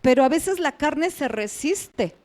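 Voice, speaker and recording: A woman's voice: high-pitched, expressive, a little slow, darkish tone. A woman pastor giving a sermon, addressing the congregation as brothers and asking them questions.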